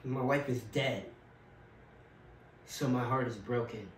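A man's voice: medium pitch, slow pace, slight background noise, lightly acted. A man playing a heartbroken widower. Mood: grieving. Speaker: actor performing a monologue. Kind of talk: dramatic monologue. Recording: roomy echo, from far off.

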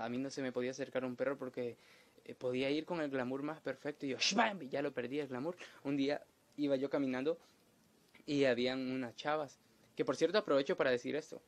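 A young man tells a funny story in a relaxed monologue. His humor is crude and self-mocking, and his delivery is deadpan. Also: medium pitch, quick pace. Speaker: comedic storyteller. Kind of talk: casual comedic monologue.

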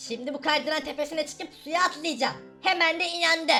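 A woman's voice: high voice, a little fast, pushed and bright. A woman voicing a cheeky, mischievous little boy who bosses his babysitter around and plays sly tricks, over game music. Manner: bossy, sly, teasing.

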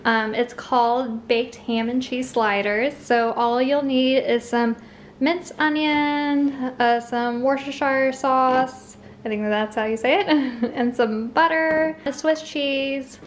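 Young female vlogger, friendly and chatty, slightly high voice, kitchen camera mic. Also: slight background noise. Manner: chatty, friendly instructions with fillers. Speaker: lifestyle vlogger. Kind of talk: casual cooking tutorial. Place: home kitchen, indoors.

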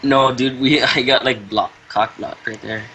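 A man's voice: medium pitch, steady tone, normal speed, sharp tone, a little hiss or hum, poor audio. A young man playing a game with a friend, joking around and bossing the moves. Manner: joking, bossy with directions. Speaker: co-player. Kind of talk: casual let's-play chat.

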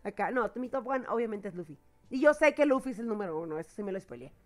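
A woman's voice: mid-range voice, animated, quick pace. A woman with a Mexican accent giving casual, slangy reaction commentary on an anime ranking, often correcting herself mid-sentence. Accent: Mexican Spanish. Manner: chatty, slangy, self-correcting, laughs often.

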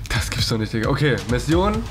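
A man's voice: mid-range voice, sing-song, a little fast, music in the background. A man in his twenties reacting casually to video game clips with slangy, exclamatory banter on a close microphone. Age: 20s. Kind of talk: casual gaming reaction chat. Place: small indoor room. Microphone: close boom-arm studio microphone.

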